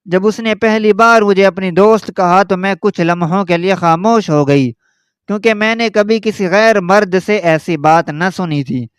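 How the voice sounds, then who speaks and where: A man narrating a first-person story in a steady, earnest telling. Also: high-pitched, smooth, dry recording, clean studio sound.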